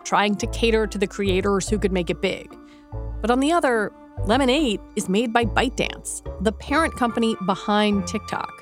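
Woman podcast host narrating over faint music. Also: mid-range voice. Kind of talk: scripted journalistic narration.

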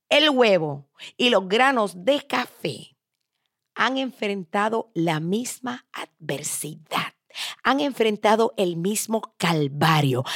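A woman voicing a wise, patient father who teaches his daughter calmly and softly in a spoken story. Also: medium pitch, dry recording, clean studio sound.

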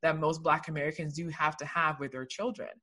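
A woman's voice: sits low, fairly even intonation, fairly quick, sharp tone, husky. A woman from Liberia, a guest telling her story in an earnest, reflective way during a casual conversation.

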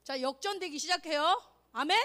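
A woman evangelist preaching at a youth camp, animated and exclamatory, calling out for responses and acting out quotes. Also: high voice, moderate pace. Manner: acts out quotes in voices.

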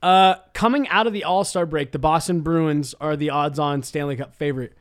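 A man with a high voice and a very dry sound. He chats casually as a sports show co-host, making his case emphatically and often restarting mid-thought. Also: moderate pace, clear, resonant tone, no echo.

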